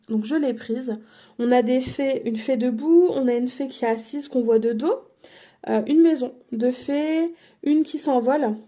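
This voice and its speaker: A woman's voice: high-pitched, warm tone. A woman showing her craft purchases in a casual vlog, chatty and hesitant, with many fillers and self-corrections. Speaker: crafting vlogger. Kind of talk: casual product haul.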